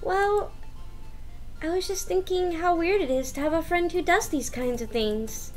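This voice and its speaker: In a visual novel read-aloud, a woman voices a sweet, playful, childish teenage schoolgirl with a cutesy, teasing manner. Her pitch is extremely high and her pace measured, with faint music in the background.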